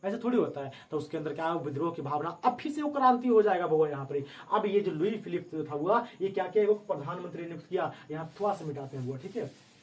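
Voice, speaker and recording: A man's voice: on the high side, expressive, fast talker, darkish tone. A man teaching history to a classroom of students. He keeps asking and repeating his own questions in a call-and-response way. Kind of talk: classroom lecture.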